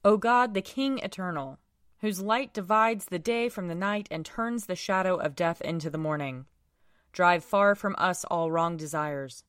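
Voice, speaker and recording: Woman, lowish voice, dry close sound, liturgical reading, formal and measured, prayer leader. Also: fairly bright tone, clear, resonant tone, no room sound.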